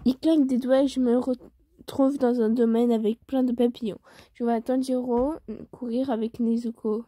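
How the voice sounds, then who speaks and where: A woman's voice: a little high, flat delivery, moderate pace, mellow, no room sound. A woman reading a fan story aloud in the first person, often breaking off for playful, jokey asides. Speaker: channel host reading fan fiction.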